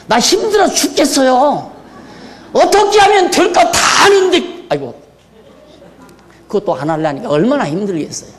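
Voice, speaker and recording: An older man preaching a sermon in a church, moving between quiet asides and fiery, shouted questions. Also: a little high, long reverb tail. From Korea. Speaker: pastor. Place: church hall.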